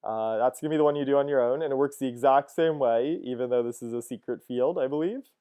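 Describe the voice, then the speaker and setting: Casual thirties male teacher, smooth mellow voice, walks through code aloud. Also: medium pitch, fast. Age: 30s. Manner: casual, thinks aloud with frequent "uh" and "cool, cool". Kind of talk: screen-recorded coding lesson.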